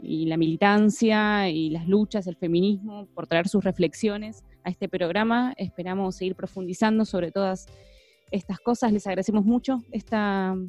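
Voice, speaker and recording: A woman hosting a radio program, thanking her guests in a halting way with many restarts. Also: mid-range voice, a little mellow, no echo. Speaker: radio show host. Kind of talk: radio interview talk.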